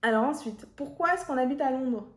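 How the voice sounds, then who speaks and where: Her voice is high-pitched and brisk as she hosts a couple's Q&A vlog, one half of a couple channel. She's in her 20s, from Marseille, France, and keeps things casual, playful, giggly and teasing in an echoey room.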